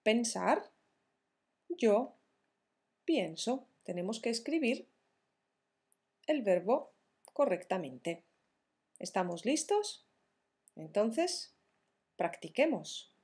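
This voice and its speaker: A woman teaching verb conjugations in a slow, careful tutorial, spelling out each form deliberately. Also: a little high, very animated, a little mellow, husky. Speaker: Spanish teacher.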